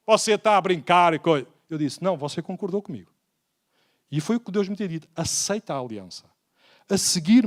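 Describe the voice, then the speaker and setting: A male pastor with a European Portuguese accent delivers a sermon in a high voice. He tells a story, plays each quoted speaker, and keeps calling his listeners brothers. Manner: storytelling preacher, acting out quoted dialogue, often addressing listeners as brothers.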